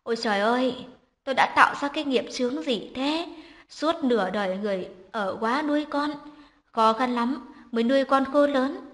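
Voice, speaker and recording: Woman narrator doing old mother-in-law, scornful, self-pitying, slightly high voice, audio story. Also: moderate pace, a bit bright, lightly acted. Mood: wailing. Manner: scornful, then wailing self-pity.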